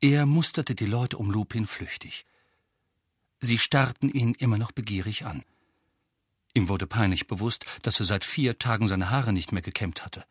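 A man reading a story aloud in an expressive, animated narration, voicing each character. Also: lowish voice, moderate pace, breathy edge, dry recording, clean studio sound. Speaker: audiobook reader.

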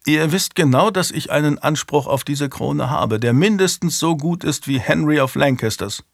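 A man's voice: on the high side, normal speed, creaky, dry recording. A man voicing a young male king who is earnest and commanding and presses his questions in a dry studio recording.

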